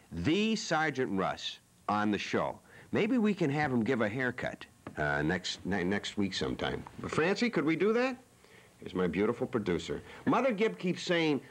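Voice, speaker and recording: A man's voice: fairly low pitch, fairly bright tone. A man hosting a cable TV talk show from a studio, joking and teasing in a rambling way. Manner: playful, teasing.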